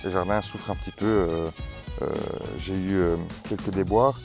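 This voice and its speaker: A man's voice: low-pitched, fairly even intonation, moderate pace, over music. A man from Belgium with a Belgian French accent, chatting casually while showing his vegetable garden, rambling with many hesitations and restarts. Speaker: amateur gardener presenting tomato seeds. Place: vegetable garden outdoors in hot weather.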